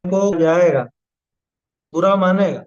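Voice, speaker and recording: A man's voice: high voice, slow pace, a little mellow, muffled recording. A man teaching a scripture class, explaining patiently and checking understanding with rhetorical questions, now and then reciting Sanskrit verses. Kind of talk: scripture study discourse.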